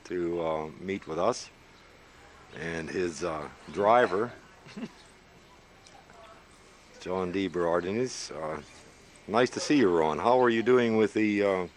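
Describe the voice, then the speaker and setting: A young man playing a mock interviewer in an improvised comic interview, drawling and deadpan with lots of filler. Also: deep voice, takes it slowly, pauses often, a little hiss or hum.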